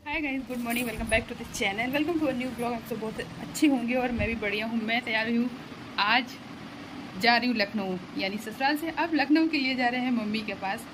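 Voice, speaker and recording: A woman's voice: on the high side, moderate pace. Give me a young woman chatting casually to her vlog audience at home, recorded on a phone with background noise. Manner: chatty, pleading and laughing with family. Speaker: vlogger. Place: home, moving around while packing.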